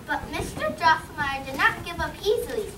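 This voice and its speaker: High-pitched child, distant in a noisy room. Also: expressive, a little fast. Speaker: pupil performing in a school class play. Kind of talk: recited school play storytelling and dialogue. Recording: noisy, echoey school performance from far off.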